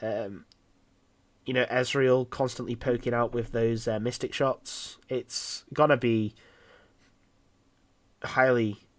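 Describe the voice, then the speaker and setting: A man's voice: medium pitch, steady tone, slow, long pauses. A man casting a live esports match solo on his own streaming mic, chatty and rambling with lots of fillers. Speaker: esports caster. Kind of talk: live game commentary.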